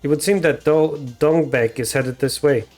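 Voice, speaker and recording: A man's voice: on the high side, normal speed, darkish tone, faint music behind. A man streaming a game live, casually chatting, swearing and reading the lines aloud in translation.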